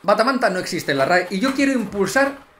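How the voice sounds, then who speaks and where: A man with an accent from Spain rants in a comedic vlog, sarcastic and theatrical. His voice swings widely up and down as he mocks and exaggerates, never staying flat for long. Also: high-pitched, brisk, slight background noise. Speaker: YouTuber.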